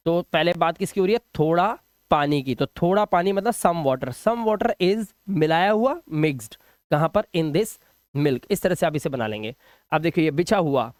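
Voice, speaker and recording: High-voiced man teaching English. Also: no room sound, studio quality. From India. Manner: explains slowly, repeats each word and asks "ठीक है?". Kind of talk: spoken English lesson in Hindi.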